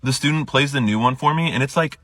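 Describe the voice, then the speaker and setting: A man, a substitute teacher, explaining made-up slang in a playful deadpan comedy monologue. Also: mid-range voice, fast, no room sound, studio quality. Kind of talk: comedic social media monologue.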